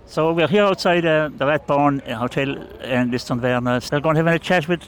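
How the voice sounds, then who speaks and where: Older Irish man, fairly high voice. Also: brisk. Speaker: community radio co-presenter. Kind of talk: casual chat on location. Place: outdoors at a festival.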